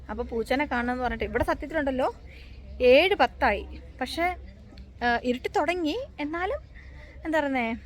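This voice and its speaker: A woman's voice: on the high side, slight background noise. A woman on a casual vlog walking through a farm at dusk, chatty, who keeps pointing things out to her viewers. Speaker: family vlogger.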